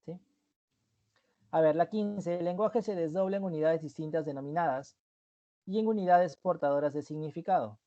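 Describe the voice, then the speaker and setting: A man's voice: on the high side, normal speed, warm tone, muffled recording. A man teaching an online review class, explaining terms step by step and often checking in with the students.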